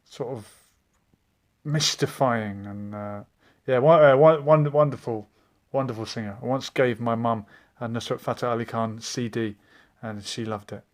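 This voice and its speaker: A man's voice: medium pitch, steady tone, normal speed. A man hosting a casual live stream, reading out viewer comments and chatting in a meandering way with frequent hesitations.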